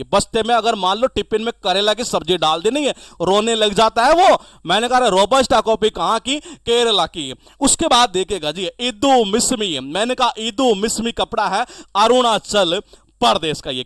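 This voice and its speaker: A man's voice: sits high, fairly bright tone, dry recording. A male teacher giving an exam-prep lesson, chatty and acting out little dialogues to teach memory tricks.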